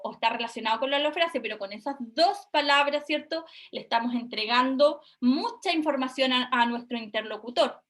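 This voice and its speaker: A woman's voice: high-pitched, a bit bright. A woman giving a recorded university lecture, explaining step by step and checking in with her students. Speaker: university lecturer in speech therapy.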